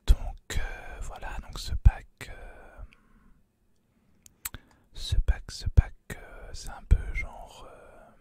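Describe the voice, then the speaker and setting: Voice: extremely slow, warm tone. A host whispering right into the listener's ear in informal, rambling ASMR gaming commentary, with some hesitation.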